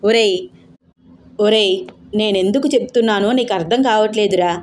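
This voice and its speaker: A woman's voice: medium pitch, normal speed, a little hiss or hum, natural voice. A woman voicing a bossy old grandmother who scolds and orders her family around. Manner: sharp, commanding, scolding.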